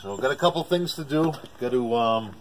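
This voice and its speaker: With a medium pitch and lively intonation, a male ham radio hobbyist narrates his own unscripted video while walking around a driveway at a house. His talk is halting, plain and colloquial. Someone off screen records on a handheld camera or phone, and birds and outdoor sounds can be heard.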